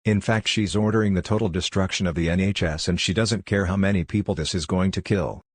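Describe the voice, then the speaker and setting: A man's voice: low voice, steady tone, a little fast, breathy edge, no room sound. A man delivering an indignant, campaigning commentary voice-over. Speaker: channel narrator.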